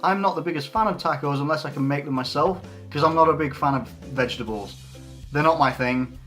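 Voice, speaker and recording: A man's voice: on the high side, fairly quick, fairly bright tone, faint music behind. Rambling man in his twenties answering questions. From England. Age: 20s. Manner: rambling, frequent restarts and fillers. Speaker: YouTuber answering viewer questions. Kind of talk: unscripted casual Q&A.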